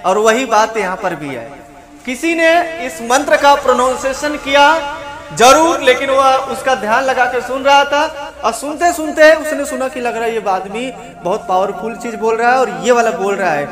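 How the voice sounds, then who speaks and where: A man's voice: extremely high pitch, moderate pace. A man teaching a lesson on how to pronounce a mantra, asking rhetorical questions and repeating his points. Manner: explains with rhetorical questions and repetition. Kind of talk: spoken lesson on mantra pronunciation.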